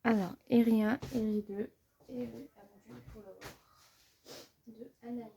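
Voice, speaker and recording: A woman chatting casually in a vlog about her book collection, hesitant, with many pauses and fillers, sometimes dropping to a near-whisper. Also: on the high side, fairly even intonation, vocal fry, mellow, a little hiss or hum.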